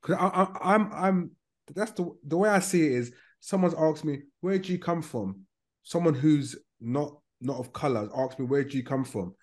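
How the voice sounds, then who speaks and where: A man's voice: a little high, moderate pace. A man with a London accent in a heated podcast debate, blunt and dismissive, talking over the others.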